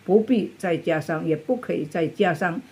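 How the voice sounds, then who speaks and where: A woman summing up a sermon in a calm, measured way. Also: fairly low pitch, breathy edge. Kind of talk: sermon summary.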